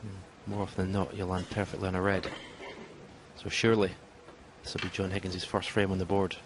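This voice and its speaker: A man giving live snooker commentary, explaining shots in a measured, analytical way. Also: low-pitched, completely flat delivery. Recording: crowd and noisy arena ambience behind. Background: audience in a snooker arena.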